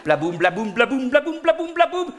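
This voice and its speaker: A man voicing an excited male street-food vendor who hawks loudly. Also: very high-pitched, brisk, big-room sound, voice pushed up, full character voice. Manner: shouting and hawking.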